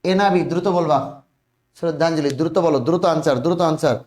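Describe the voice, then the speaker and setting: High-voiced man teaching spelling, echoey. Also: steady tone, a little mellow. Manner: drills students, repeats words, urges quick answers. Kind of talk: online spelling lesson.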